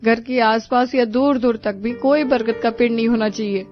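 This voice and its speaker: A gossipy, superstitious sister-in-law, played by a woman in a cartoon story, insistent and high-voiced. Light music runs under the dull, muffled audio. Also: fairly even intonation, normal speed, natural voice. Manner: insistent, told-you-so.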